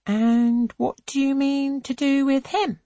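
A woman's voice: medium pitch, very animated, unhurried, breathy edge, no echo, muffled recording, pitched above the performer's own voice. A woman reader voicing an earnest, curious woman in a storybook. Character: wide-eyed woman, curious and eager.

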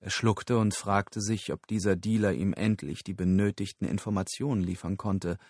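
A man narrating an audiobook in a steady, measured storytelling voice. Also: low voice, no room sound, studio quality.

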